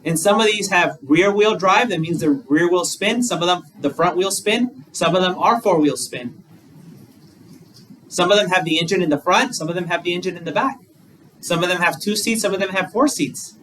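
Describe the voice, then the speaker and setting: This monk's dharma talk is relaxed and conversational, full of plain examples and rhetorical questions. He has a high, fairly bright voice and keeps a moderate pace. A distant mic captures him along with faint room noise.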